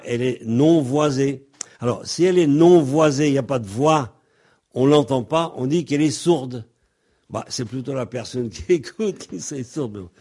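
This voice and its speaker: A husky-voiced man speaks slowly and patiently, teaching on a radio series. He breaks off to sound out consonants one by one as he explains them. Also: medium pitch, a little mellow. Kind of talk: radio language lesson.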